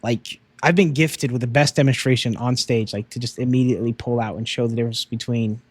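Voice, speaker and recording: A man's voice: medium pitch, steady tone, brisk, a little mellow, slightly rough, no room sound. A young man co-hosting a faith podcast, telling his testimony in an earnest, casual way with frequent "um" and "like". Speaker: podcast co-host.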